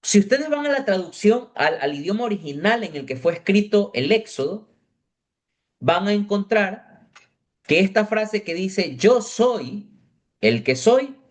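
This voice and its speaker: A male catechism teacher speaks at an unhurried, measured pace, with a voice pitched a little higher than most men's. He explains things patiently to an adult class in a parish classroom and keeps pausing to ask whether they are following. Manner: explains slowly, checks in with the class.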